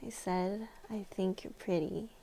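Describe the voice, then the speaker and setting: A woman's voice: medium pitch, fairly even intonation, measured pace, warm tone. A woman streamer voicing a tipsy, clingy young woman in a visual novel, with a slurred drunk drawl. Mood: drunk affectionate. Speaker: game streamer. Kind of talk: reading a visual novel role aloud.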